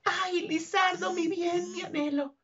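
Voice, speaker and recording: Woman playing a lovesick young countess's daughter, melodramatic, exclaiming, very high voice, dull recording. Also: fairly even intonation, a little slow, a bit bright, a little hiss or hum, full character voice. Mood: melodramatic love.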